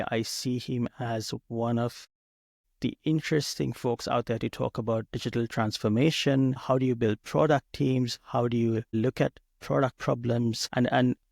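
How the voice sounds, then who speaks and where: A man's voice: mid-range voice, gravelly, no echo, clean studio sound. A man hosting a podcast, introducing his guest eagerly and repeating words as he goes. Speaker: podcast host.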